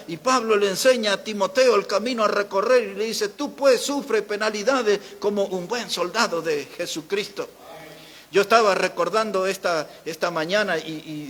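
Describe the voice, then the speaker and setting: A man's voice: high-pitched, a bit bright. An older man with an Argentine accent preaching a sermon in a church, emphatic, repeating phrases for stress. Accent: Argentine Spanish. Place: church hall. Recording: long hall reverb.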